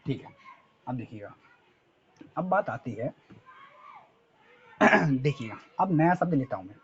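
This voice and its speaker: A man's voice: medium pitch, very animated, unhurried, highs cut off, slight background noise. A male teacher with a Hindi accent giving an English lesson, spelling words letter by letter and asking and answering his own quiz questions. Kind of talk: spoken-English lesson at a board.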